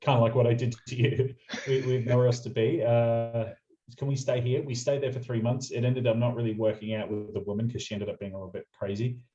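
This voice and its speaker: In a casual storytelling interview, a young Australian man who works as a radio presenter chats through travel anecdotes at a quick clip. His voice is medium in pitch and warm, though his delivery is flat, and the recording sounds muffled and lo-fi.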